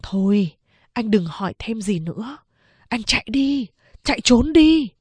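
A woman's voice: fairly high pitch, slow pace, a little mellow, husky, no echo. Fretful old grandmother, urgent and pleading, woman reading her. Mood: frantic. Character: anxious old grandmother, frantic and tearful. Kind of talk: audiobook character reading.

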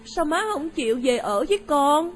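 A sick little girl in a radio play who begs her mother not to go. Her voice is very high and thin, and she clings to her words in a tearful, childlike way. Faint music sits underneath. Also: animated, normal speed. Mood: pleading. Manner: pleading, childlike. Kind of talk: radio drama acting.

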